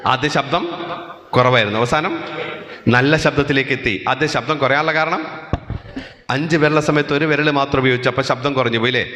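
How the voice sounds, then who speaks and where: A man's voice: mid-range voice, fairly quick, long pauses, bright, forceful tone. Rousing Malayali man in an echoey hall. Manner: rousing, asks the crowd questions. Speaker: motivational speaker. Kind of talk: motivational talk to students. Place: large hall with an audience. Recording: echoey hall with long reverb.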